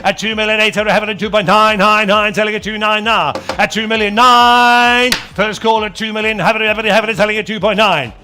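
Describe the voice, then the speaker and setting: A South African man working as an auctioneer, calling bids in a rapid, repetitive chant at a live sale. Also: sits high, steady tone, pushed and bright, soft background music. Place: live auction with online and phone bidders.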